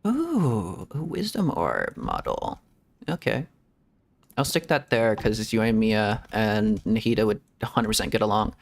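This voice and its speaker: This man, a VTuber, talks to himself in a rambling way while streaming a game, tossing in frequent giggles. His fairly low voice is sing-song and gravelly, a little slow, with slight background noise.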